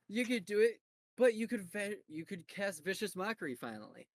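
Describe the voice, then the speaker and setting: A woman's voice: medium pitch, big pitch swings, normal speed, no room sound. A woman chatting loosely about a tabletop game, swearing freely and laughing often. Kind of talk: casual chat.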